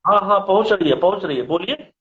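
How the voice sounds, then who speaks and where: A man's voice: sits high, lively intonation, fast, fairly bright tone. A male English teacher speaking in an interview over a phone line that keeps cutting out, often checking the connection and repeating short affirmations. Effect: phone call line breaking up and dropping out.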